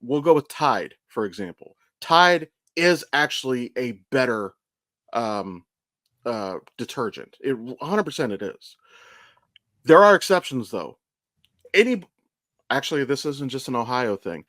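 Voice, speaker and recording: With a sing-song lilt at a measured pace, this medium-pitched, fairly bright male voice co-hosts a casual podcast. He's likely an American in his thirties, rambling informally, cursing, and frequently correcting himself. There's no room sound.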